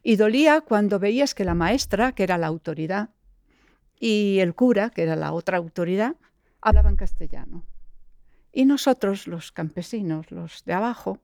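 A middle-aged woman from Galicia, a poet, speaking reflectively in an interview and pausing often with fillers and restarts. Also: medium pitch, lively intonation, gravelly, darkish tone, no echo, studio quality. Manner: thoughtful, pauses with fillers and restarts.

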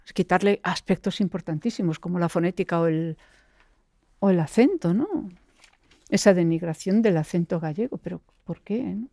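A middle-aged woman from Galicia, a poet, speaking reflectively in an interview and pausing often with fillers and restarts. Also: on the low side, vocal fry, dark tone, no room sound, studio quality. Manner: thoughtful, pauses with fillers and restarts.

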